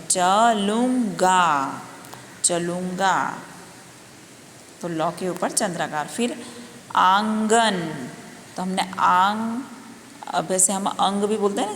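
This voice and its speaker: A woman teaching a Hindi lesson to young children, patiently spelling out and repeating each word. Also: mid-range voice. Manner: slow, patient, spelling words out and repeating them. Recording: echoey room, faint background noise.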